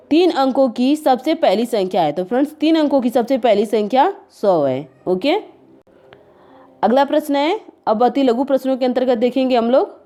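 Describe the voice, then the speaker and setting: Mellow-voiced woman tutoring exam answers. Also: on the high side. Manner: addresses viewers as friends, repeats "okay" between points.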